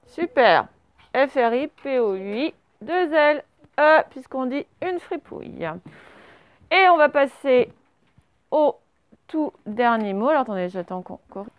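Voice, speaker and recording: Woman teacher, high voice, patient, slow letter-by-letter dictation to young pupils. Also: lively intonation, no echo, muffled recording. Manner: slow, spells out words letter by letter; patient and encouraging. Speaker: primary school teacher. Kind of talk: dictation lesson for young children.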